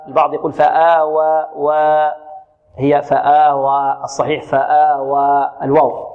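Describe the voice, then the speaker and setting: A man teaching Quran recitation, modelling letters and syllables slowly and repeating them, and posing questions to his students. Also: on the high side. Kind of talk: tajweed lesson with recited examples. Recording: muffled lo-fi recording.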